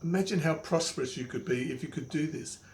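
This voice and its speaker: An older man, a money coach and presenter, gives a motivational lesson straight to the viewer like a wise old mentor, plain-spoken and didactic, repeating key phrases for emphasis. His voice is a little high, a little mellow and brisk. The room is echoey with faint background noise.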